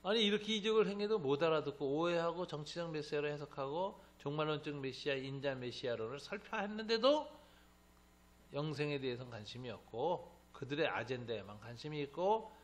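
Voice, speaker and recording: A man teaching a Bible class as a pastor, lively and joking, acting out the voices of the people he quotes. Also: fairly high pitch, a little fast. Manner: animated, acts out quoted voices, joking asides.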